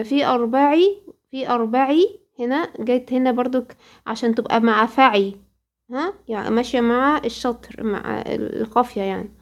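A woman's voice: a little high, darkish tone. A woman with an Egyptian accent, teaching a recorded tajweed lesson and patiently repeating points to a female student. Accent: Egyptian Arabic. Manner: patient and repetitive, addressing a female student directly. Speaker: Quran recitation teacher.

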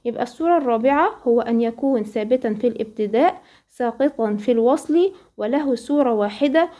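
A woman with an Egyptian accent teaching a Quran recitation lesson, asking questions and then answering them, and slowly reciting the examples. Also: a little high, mellow. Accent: Egyptian Arabic. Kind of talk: tajweed lesson.

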